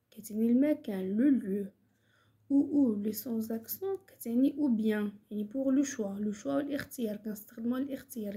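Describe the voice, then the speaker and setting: Moroccan-accented woman teaching slowly. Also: fairly high pitch, mellow, husky. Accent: Moroccan Arabic. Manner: explains step by step, slows right down to dictate words syllable by syllable; switches between Moroccan Arabic and French. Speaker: primary school French teacher. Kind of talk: online lesson explanation.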